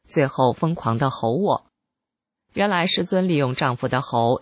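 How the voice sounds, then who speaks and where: A reader giving scripted narration of a first-person article in a calm, measured, even way. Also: mid-range voice, no room sound.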